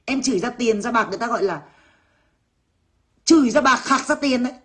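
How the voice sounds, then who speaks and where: A woman's voice: a little high, expressive, a little fast, fairly bright tone. Brash, swearing woman. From Vietnam. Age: 30s. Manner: blunt, brash, swears freely. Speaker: vlogger. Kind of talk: ranting monologue to viewers.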